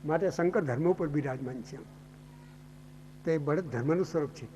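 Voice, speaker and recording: A man's voice: a little high, moderate pace, warm tone, slight background noise. A man from Gujarat narrating a devotional scripture story as a sermon, dramatic and full of rhetorical questions. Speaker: Bhagavata katha speaker.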